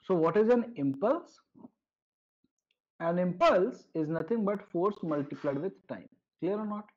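High-pitched North Indian man teaching. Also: animated, measured pace. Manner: repeatedly checks understanding with short tag questions. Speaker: physics teacher. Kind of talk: live online lesson. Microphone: online video call. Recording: dull, lo-fi online class audio.

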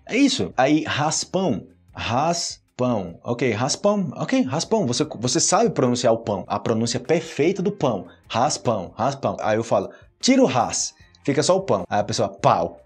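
Young brazilian guy teaching portuguese, husky voice, chatty and slangy, laughs a lot. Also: mid-range voice, darkish tone. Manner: chatty, laughs often, slangy, repeats words slowly to drill pronunciation. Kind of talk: casual video lesson.

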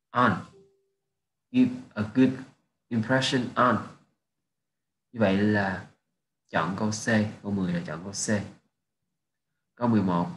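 A man's voice: fairly low pitch, fairly bright tone. A man teaching English, going through exam answers one by one and reading the English phrases. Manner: explains each answer methodically, mixing in English phrases. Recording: echoey room with faint noise.

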